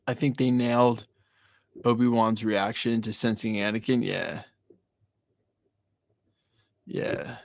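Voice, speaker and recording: A man's voice: fairly low pitch, fairly even intonation, slow, gravelly, pauses often, no room sound. A man hosting a late-night livestream, chatting casually with viewers in a loose, profane, slang-heavy way. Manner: loose and profane, joking rants to chat; slang-heavy, addresses viewers as "y'all" and "bro". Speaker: livestream host. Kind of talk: casual livestream chat, reading and answering viewer comments.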